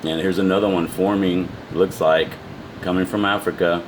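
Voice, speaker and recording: Low deep guy just explaining stuff off the cuff, keeps repeating words, bit of hum behind him. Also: steady tone. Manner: halting, repeats words and trails off. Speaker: amateur video presenter. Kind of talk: casual unscripted explanation to viewers.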